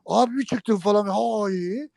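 With a high, gravelly voice and a fairly quick pace, a man lively recounts a funny prank from his past to an interviewer, addressing the audience directly. There's no echo.

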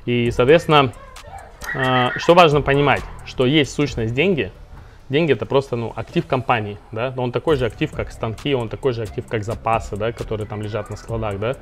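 Quick-talking guy explaining finances, lots of um and restarts, light music in the back. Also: medium pitch. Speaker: finance company founder, guest. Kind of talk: casual interview, explaining.

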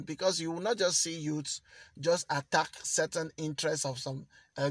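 A man's voice: sits high, fairly bright tone, no echo. A man giving earnest news commentary as a vlogger, often repeating phrases for emphasis. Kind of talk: commentary to camera.

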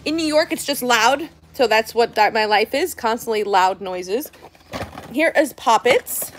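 A woman's voice: on the high side, lively intonation, unhurried, slight background noise. A woman, chatty and girlish, gushing casually as she hosts a toy and candy unboxing vlog. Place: indoors at home, by a tabletop.

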